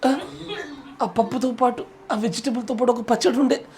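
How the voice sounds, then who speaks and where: A man's voice: very high voice, steady tone, normal speed, darkish tone. A man with a Telangana Telugu accent, a pastor giving a sermon at a home Bible study. He jokes and keeps asking the room "yes or no?". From Telangana, India. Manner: jokey, asks the room "yes or no?" again and again. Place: home gathering.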